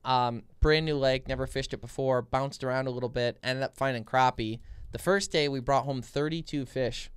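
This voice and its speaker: A young man co-hosting a podcast, telling stories in a relaxed, animated way. He speaks into a boom mic in a small foam-lined studio. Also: moderate pace, few pauses, smooth, dry recording. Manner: animated, gestures with his hands while telling stories. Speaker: podcast co-host. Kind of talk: casual storytelling chat. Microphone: boom mic with headphones.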